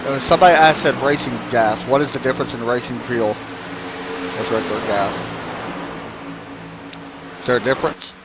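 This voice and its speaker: A man's voice: mid-range voice, steady tone, normal speed, long pauses. Laid-back man calling a sim race. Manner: laid-back, joking, talks while chewing. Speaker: race commentator and stream host. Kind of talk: casual sim-racing commentary. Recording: clear background noise.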